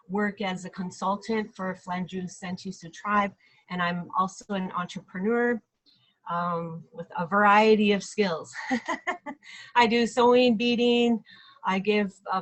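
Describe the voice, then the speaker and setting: A middle-aged woman from the Lake Traverse Reservation area of South Dakota introduces herself as an election candidate in a live video stream. She speaks earnestly and measuredly at medium pitch, with frequent ums and pauses, over a rough webcam or phone recording.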